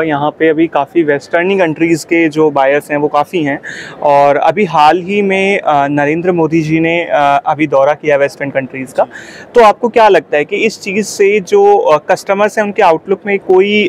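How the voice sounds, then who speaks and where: A man's voice: on the high side, normal speed, a little hiss or hum. A male news reporter politely asking exhibitors questions at a trade fair. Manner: polite, addresses guests as sir and ma'am. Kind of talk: field interview questions. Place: busy trade fair hall.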